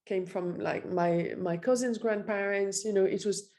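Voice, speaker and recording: A woman's voice: mid-range voice, fairly even intonation, measured pace, mellow. A middle-aged woman from Morocco, a nutritionist and interview guest, telling her story in a direct, matter-of-fact way. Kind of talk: interview answers.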